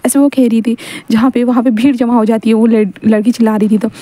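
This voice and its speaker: A woman's voice: fairly high pitch, level tone, quick pace, dark tone, no echo. A woman casually retelling a romance story, talking in a chatty, repetitive way with many restarts. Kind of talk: casual retelling of a fan-fiction story, voicing the characters' lines.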